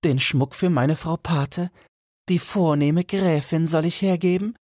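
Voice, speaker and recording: A man's voice: fairly high pitch, unhurried, a little mellow, no echo, studio quality, voice pushed up. A man voicing Felix, a young goldsmith apprentice, fearful and pleading in a fairy-tale audiobook. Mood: anxious, pleading.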